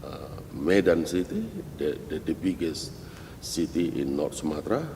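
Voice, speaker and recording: A middle-aged man with an Indonesian accent who is a missionary pastor, answering interview questions in halting English with many restarts. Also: warm tone. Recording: roomy hall with faint rumble.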